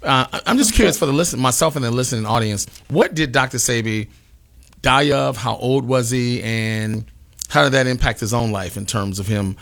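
A male interview host with a middle-pitched, gravelly and fairly bright voice asks long, meandering questions. He halts and repeats words along the way while keeping things conversational.

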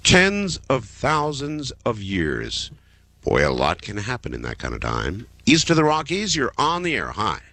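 A man hosting a late-night call-in radio show, with a smooth, calm radio host delivery that slows down to stress repeated phrases. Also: medium pitch, no room sound. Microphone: studio broadcast microphone.

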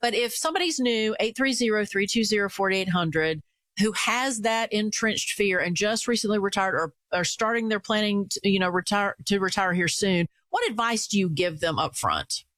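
A woman's voice: mid-range voice, normal speed, fairly bright tone, dry recording, clean studio sound. A woman hosting a radio talk show, chatty and upbeat as she questions her guest. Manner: chatty, upbeat, repeats phone number.

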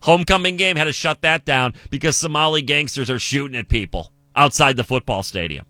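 A man's voice: mid-range voice, fairly quick, sharp tone, no room sound. A man from the United States hosting a political commentary show, talking emphatically and asking rhetorical questions.

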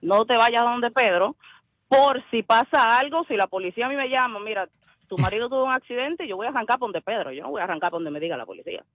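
A woman's voice: on the high side, quick pace, no room sound, lo-fi sound. A woman from the Dominican Republic and Puerto Rico calling in to a radio show, telling a story and acting out the dialogue. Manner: lively storytelling, acts out quoted dialogue. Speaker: caller. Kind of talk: phone-in chat on a radio show.

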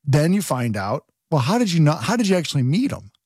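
A man's voice: on the high side, big pitch swings, a little fast, a little mellow, breathy edge, dry recording, clean studio sound. A man hosting political talk radio, chatting in a sarcastic, conversational way and putting questions to the listeners.

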